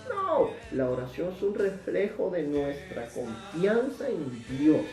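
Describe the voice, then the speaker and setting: A man's voice: a little high, huge pitch swings, takes it slowly, darkish tone, roomy sound, recorded from a distance, soft background music, rough recording. A man teaching a Bible sermon in an emphatic way, repeating words for stress. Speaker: preacher.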